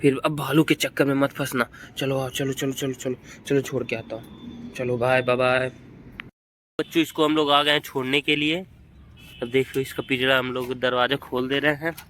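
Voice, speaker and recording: A man narrating a toy play for children, excited and talking directly to the kids watching. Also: medium pitch, moderate pace, a little hiss or hum. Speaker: children's channel host.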